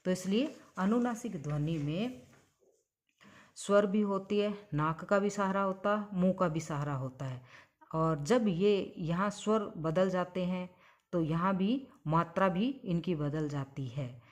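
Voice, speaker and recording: A woman's voice: fairly low pitch, measured pace. A woman teaching Hindi grammar, spelling out sounds one at a time and stretching each example word. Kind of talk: slow explanatory grammar lesson.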